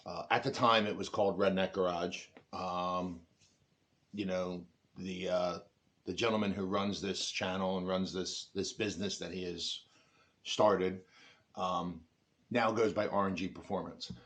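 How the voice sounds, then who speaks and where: A man's voice: low-pitched, steady tone, measured pace, a bit bright. A man casually reviewing a part for his off-road four-wheeler, rambling with many fillers and restarts. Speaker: ATV owner reviewing a product. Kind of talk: casual talk to camera.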